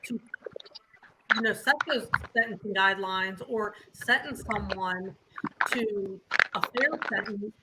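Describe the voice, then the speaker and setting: A woman speaks over an online call whose audio keeps breaking up, with clear hiss and crackle underneath. She hesitates and fills gaps with "um" as she puts a question to a senator, her pitch sitting mid-range. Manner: halting, many fillers.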